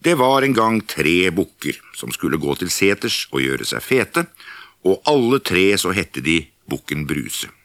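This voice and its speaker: Folktale narrator: man with a deep, gravelly, lively delivery, recorded dry. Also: no room sound. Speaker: storyteller. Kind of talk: animated scripted folktale narration.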